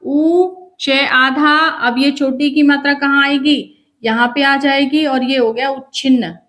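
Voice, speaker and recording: A woman's voice: high-pitched, fairly even intonation, a bit bright. A woman teacher giving a grammar lesson, working through examples step by step and asking her students questions, then answering them herself. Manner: slow, repeating questions to students.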